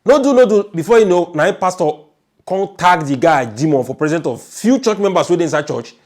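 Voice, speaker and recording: Speaking a little fast in an expressive, higher-pitched voice, this Nigerian-accented man delivers emphatic, informal storytelling commentary as an online news commentator. He frequently repeats phrases.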